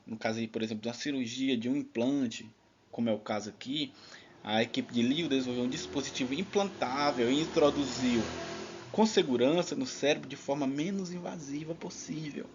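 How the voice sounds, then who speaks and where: A man's voice: medium pitch, brisk, dull audio, background noise. A man teaching an online exam-prep lesson in a chatty, casual way, leaning on filler tags.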